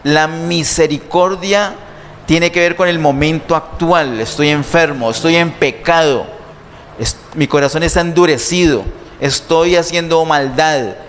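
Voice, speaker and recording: A male pastor preaching slowly and emphatically, asking the congregation rhetorical questions. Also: a little high. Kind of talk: sermon. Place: church sanctuary. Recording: long church reverb, faint noise.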